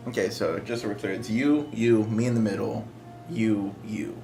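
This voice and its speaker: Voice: medium pitch, steady tone, moderate pace, gravelly, dark tone. A tabletop game player who banters with the group, laughing often and stammering through restarts. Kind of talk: casual tabletop game chat. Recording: echoey room, faint music.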